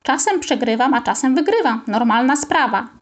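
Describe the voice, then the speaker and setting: A woman's voice: high-pitched, lively intonation, moderate pace. A woman voicing a cheerful, determined young football-playing boy in a storybook, speaking in a breezy, upbeat way.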